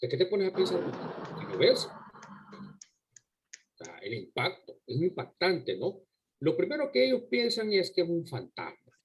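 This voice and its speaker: A man's voice: high voice, huge pitch swings, a little slow, long pauses, husky, poor audio. A man preaching a sermon to his congregation, emphatic and full of rhetorical questions, often repeating words as he goes. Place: church service before a congregation.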